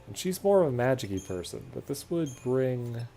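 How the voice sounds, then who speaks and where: A man's voice: mid-range voice, very animated, moderate pace, mellow, soft background music. A man streaming a video game, chatting and joking as he thinks aloud. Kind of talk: casual gameplay commentary.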